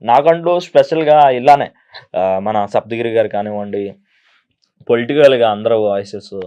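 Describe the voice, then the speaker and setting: A man working as a mimicry artist, answering interview questions in a soft-spoken, halting way. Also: mid-range voice, clean tone, lo-fi sound. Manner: soft-spoken, halting explanations, frequent laughs. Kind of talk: casual interview talk. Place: interview studio.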